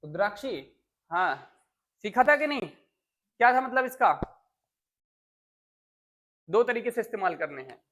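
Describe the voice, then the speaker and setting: A woman's voice: mid-range voice, very animated, a little slow, long pauses, fairly bright tone. A woman teacher at the front of a classroom of children, walking them through grammar. She keeps firing questions at the pupils and repeating example sentences. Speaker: English teacher. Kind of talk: classroom lesson explaining English grammar.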